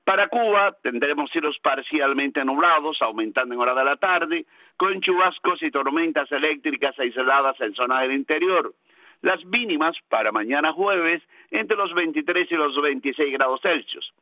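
Phone-quality sound, man, weather forecaster, slightly high voice, chatty, direct address. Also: expressive, normal speed, dry recording. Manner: chatty, addresses listeners directly, repeats key terms. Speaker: radio meteorologist. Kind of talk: live radio weather forecast. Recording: narrow-band telephone-like radio line.

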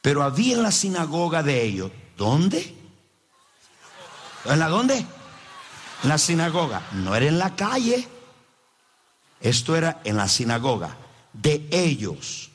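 A man's voice: on the high side, sing-song, moderate pace, a little hiss or hum. A man preaching a sermon, speaking emphatically and addressing the congregation directly. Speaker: pastor.

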